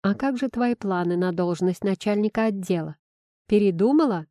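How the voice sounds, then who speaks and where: A woman reading puts on a middle-aged boss who is stern on the surface but fond underneath. He speaks in a dry, teasing way, sighing between lines, with a mellow, unhurried tone. The recording is dry and close. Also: medium pitch, animated, no echo, natural voice.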